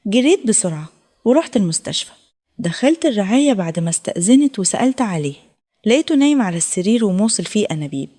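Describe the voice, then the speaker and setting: A woman's voice: medium pitch, sing-song, fast talker, warm tone. A woman with an Egyptian accent narrating a heartfelt first-person story. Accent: Egyptian Arabic.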